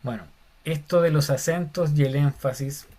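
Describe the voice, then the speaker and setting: Male teacher, somewhat high voice, relaxed explanatory lecture style, informal. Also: moderate pace. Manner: casual, addresses listeners as "hermano", many fillers. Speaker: Bible Greek teacher.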